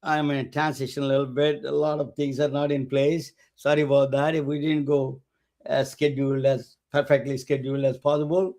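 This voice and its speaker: A man hosting a webcast, introducing guests in a halting way with many restarts and fillers. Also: medium pitch, little pitch movement, mellow. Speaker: webcast host. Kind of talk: casual interview introduction.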